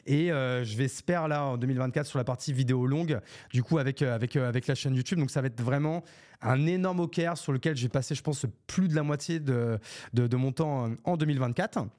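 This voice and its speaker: A man's voice: mid-range voice, brisk, a little mellow. A man hosting his own solo podcast, talking off the cuff in a casual, rambling way, full of fillers, restarts and English business slang. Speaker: podcast host. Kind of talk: solo unscripted podcast talk. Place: Bordeaux, France. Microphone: podcast microphone.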